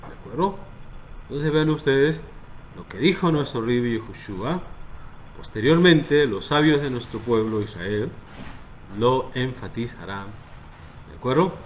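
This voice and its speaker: A man teaches scripture in a voice of middle pitch. He stresses key words and keeps checking that his listeners follow. A faint noise runs behind him. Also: expressive, unhurried, long pauses. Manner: addresses listeners, often checks with "¿de acuerdo?". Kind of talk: Bible teaching.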